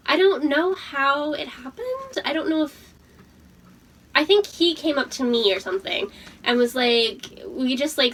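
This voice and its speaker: A woman's voice: on the high side, fairly bright tone. A young adult woman telling a casual, sweary personal story to friends in a giggly, drunk manner. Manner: uses profanity freely. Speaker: storytime host. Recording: distant mic, faint background noise.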